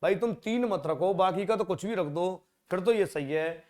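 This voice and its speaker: A man teaching exam-prep maths, his voice sitting a little high. He talks to the class conversationally, throwing out rhetorical questions and muttering quietly as he works through the sums. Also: normal speed. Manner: conversational, rhetorical questions, drops to a low mutter when working.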